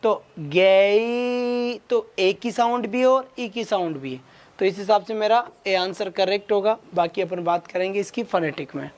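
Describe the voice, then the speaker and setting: Brisk male teacher urging students on. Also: high-pitched. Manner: rapid Hindi-English mix, urges students with quick questions. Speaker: exam-prep English teacher. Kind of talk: online class lecture.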